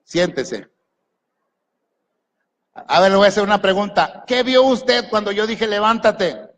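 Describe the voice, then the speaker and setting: A man preaching, his voice sitting high for a man. He drives the sermon with questions and commands to the congregation. The sound carries a long reverb from a large church hall. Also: normal speed, fairly bright tone. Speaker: pastor.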